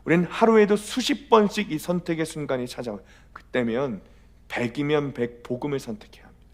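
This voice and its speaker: A man's voice: on the high side, brisk. Male pastor preaching dramatically. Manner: dramatic storytelling, shifts between loud and soft. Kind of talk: sermon. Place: church sanctuary.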